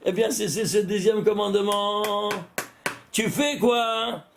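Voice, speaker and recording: A man's voice: high voice, steady tone, takes it slowly, creaky, noisy background. An older man, a rabbi teaching a Torah lesson with number counts. He keeps asking the class questions and answering them himself, and he often restarts his phrases. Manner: repeats words and restarts phrases.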